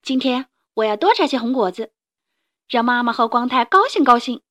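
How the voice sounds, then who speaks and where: A woman reading a storybook and voicing a cheerful, trusting young male tyrannosaurus who talks bright and eager. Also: fairly high pitch, expressive, moderate pace.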